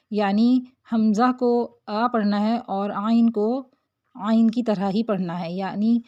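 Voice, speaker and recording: Patient woman teaching slow recitation. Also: medium pitch, warm tone. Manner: patient, slow drawn-out syllable demonstrations. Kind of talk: tajweed lesson. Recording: dull lo-fi recording.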